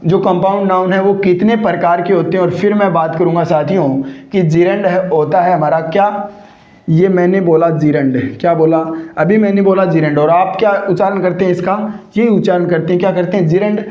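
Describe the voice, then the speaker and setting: A male English teacher with a high, darkish voice lectures a class, repeatedly asking rhetorical questions and answering them himself. The recording has an echoey room and a dull, lo-fi sound.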